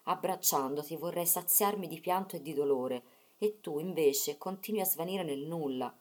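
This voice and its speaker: A woman's voice: low-pitched, moderate pace, darkish tone. A woman reading the part of a grieving male hero who pleads sorrowfully with his dead mother.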